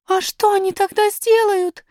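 A woman's voice: very high-pitched, fairly quick, no room sound, clean studio sound, voice pushed up. A woman reading a storybook, voicing a young princess girl who is frightened but willful, speaking in an eager, pleading way. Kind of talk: audiobook character voice.

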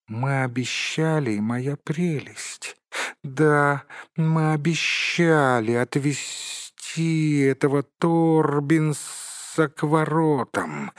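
A man voicing a sly, twitchy male cave creature who hisses and wheedles to himself in a hushed voice. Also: a little high, creaky, no echo, clean studio sound, pitched above the performer's own voice, exaggerated voice. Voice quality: hissing whisper.

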